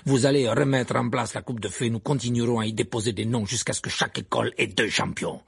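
A man's voice: steady tone, fast talker, gravelly, husky. A man voicing a haughty, irritable male headmaster in an audiobook, indignant and scornful. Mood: haughty indignation. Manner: shrill, indignant, sneering. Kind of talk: audiobook character voice.

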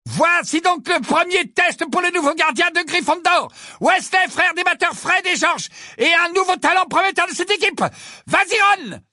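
A man voicing an excitable young male sports commentator in an audiobook, calling the play fast and cheering his team on. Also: extremely high pitch, no room sound, studio quality, pitched above the performer's own voice, heavily acted. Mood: excited. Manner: rapid, breathless play-by-play, cheering. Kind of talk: audiobook character voice.

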